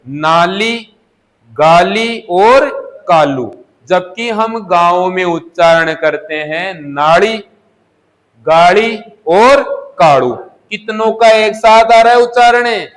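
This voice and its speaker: Male teacher, high voice, unhurried; quizzes the class and answers himself, drills key words. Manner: asks questions and answers them himself, repeating key words. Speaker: Hindi teacher. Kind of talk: classroom lesson. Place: coaching classroom.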